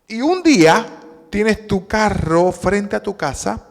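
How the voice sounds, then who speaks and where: High-voiced Puerto Rican preacher. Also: male voice, slow pace, creaky. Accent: Puerto Rican Spanish. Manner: storytelling, acting out dialogue in a calm voice. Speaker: pastor. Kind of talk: sermon. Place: church hall. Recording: long church-hall reverb.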